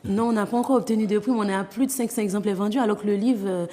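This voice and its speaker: Speaking rapid-fire at medium pitch with a warm tone, this Haitian author in her thirties gives an earnest, hesitation-filled interview testimony in her Haitian accent. A long reverb tail trails her words.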